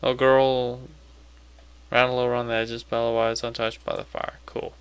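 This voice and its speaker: A gamer provides casual video game commentary, talking to himself, reacting casually, and reading on-screen text aloud. His mid-range voice is smooth and flat at a normal speed.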